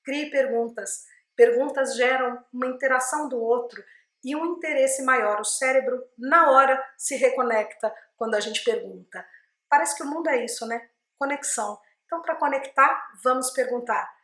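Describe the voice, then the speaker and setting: High-voiced Brazilian woman teaching expressively. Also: moderate pace. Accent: Brazilian Portuguese. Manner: expressive, asks the viewer many questions. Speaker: speech therapist and communication teacher. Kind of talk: instructional video talk to camera. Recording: echoey room.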